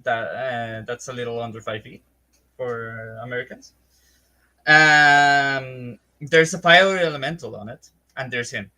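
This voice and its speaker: Bright-voiced man running a tabletop game. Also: medium pitch, unhurried, low-quality recording. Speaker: game master. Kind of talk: casual game-mastering of a tabletop fantasy game.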